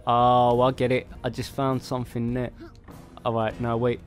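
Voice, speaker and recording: A man's voice: medium pitch, monotone, moderate pace. A man giving casual, chatty commentary as he plays a game, laughing and muttering to himself. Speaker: gamer playing solo. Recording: game music playing faintly behind. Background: faint game music.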